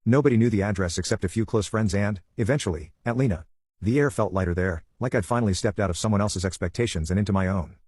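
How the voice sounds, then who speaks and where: Fast, husky low-voiced male narrator. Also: darkish tone, no echo, clean studio sound. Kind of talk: first-person scripted story narration.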